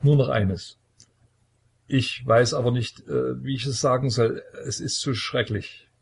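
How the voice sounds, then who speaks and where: A man voicing a frightened, pleading young tsarevich, reading him a little raised and earnest in a husky, creaky voice. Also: medium pitch, fairly even intonation, a little slow, slight background noise, pitched above the performer's own voice. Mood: hesitant.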